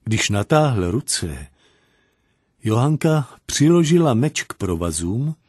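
A man narrating a story, reading in an expressive storybook manner. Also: mid-range voice, no room sound, clean studio sound. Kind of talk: scripted narration.

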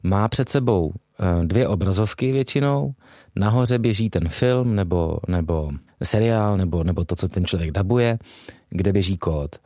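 A man's voice: low-pitched, dark tone, no room sound, studio quality. A man, a voice actor being interviewed, speaking hesitantly with many fillers and restarts. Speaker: voice actor guest. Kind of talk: interview chat.

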